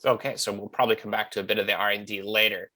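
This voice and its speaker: A man's voice: on the low side, flat delivery, racing, bright, forceful tone, dry recording. A man hosting a casual interview, asking questions loosely with fillers. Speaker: interview host. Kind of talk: conversational interview.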